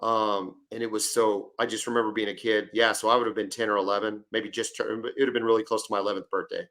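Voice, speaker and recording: A man in his forties talks fast in a level, fairly low, fairly bright voice as co-host of a casual sports podcast. He loves telling stories and often cuts across his co-host.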